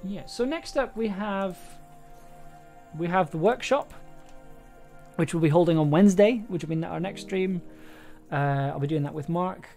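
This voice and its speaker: A young adult man with a high, slightly mellow, creaky voice chats casually on a livestream at a normal speed, hesitant and rambling as he thinks aloud. He produces audio dramas and streams from a small room at home, with background music playing underneath.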